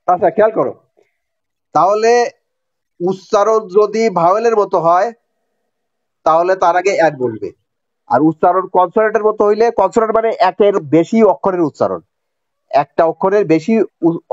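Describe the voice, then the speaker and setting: A male teacher with a Bangladeshi accent and a fairly high voice walks students through a grammar point. He repeats each rule and keeps checking whether they follow. The recording is dry and a little muffled. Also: very animated, moderate pace, pauses often, darkish tone, dry recording. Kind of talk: classroom grammar lesson.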